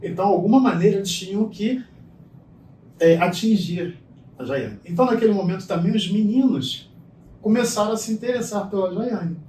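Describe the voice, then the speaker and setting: A man's voice: high voice, normal speed. A middle-aged man, a guest speaker, telling stories in conversation and acting out the dialogue. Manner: animated storyteller, acts out dialogue. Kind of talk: storytelling conversation. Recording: echoey room, distant mic, faint noise.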